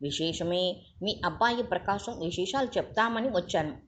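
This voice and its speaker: A woman's voice: lowish voice, normal speed, slight background noise, natural voice. A woman reading as a stern, indignant young doctor. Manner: stern, reproachful questioning. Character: young male doctor, indignant protective brother.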